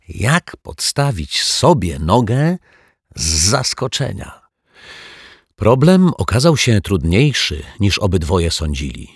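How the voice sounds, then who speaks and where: A man narrating a children's audiobook in a playful storytelling manner, dropping to soft tones for suspense. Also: low voice, breathy edge, dry recording, studio quality.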